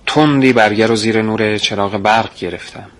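A man narrating a story in a measured, suspenseful way. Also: fairly low pitch.

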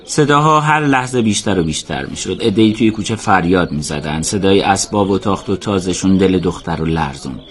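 A man narrates a radio drama in a steady, measured way. His voice sits fairly low, and he keeps an even storyteller's pace.

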